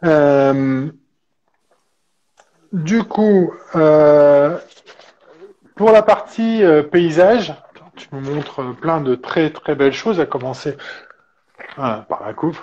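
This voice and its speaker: A man's voice: a little high, slow pace, long pauses, darkish tone, muffled recording. A male podcast host asking long, winding interview questions with many fillers.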